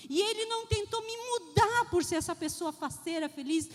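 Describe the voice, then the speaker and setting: A woman pastor preaches a lively sermon in a very high voice. She speaks straight to her congregation and acts out the people in her stories. Her voice rings with a long reverb through the church hall. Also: normal speed. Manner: addresses the congregation directly.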